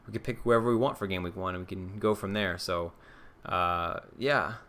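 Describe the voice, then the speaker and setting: A young man with a lowish voice chats on a live stream, answering viewers. He thinks aloud in a loose, casual way, full of ums and restarts. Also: fairly even intonation, moderate pace, a bit bright. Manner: casual, answers viewer questions, many fillers. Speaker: fantasy football streamer.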